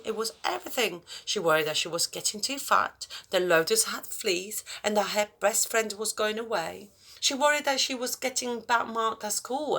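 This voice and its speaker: A woman with a low, creaky voice reads a children's story aloud, breaking in with chatty asides. She's expressive and speaks directly to her young listeners.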